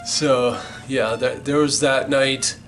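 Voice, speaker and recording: A man's voice: mid-range voice, fairly even intonation, takes it slowly, fairly bright tone, rough recording. Middle-aged guy rambling thru an old story, swears constantly, keeps restarting, music playing under him. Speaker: band member recalling the band's origins. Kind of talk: casual storytelling.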